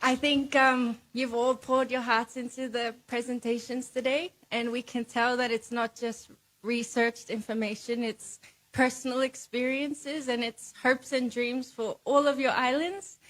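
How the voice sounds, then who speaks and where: A woman's voice: on the high side, little pitch movement, measured pace, fairly bright tone, rough recording. A woman hosting a live pageant event, speaking to contestants and audience in a poised, earnest way. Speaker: pageant host.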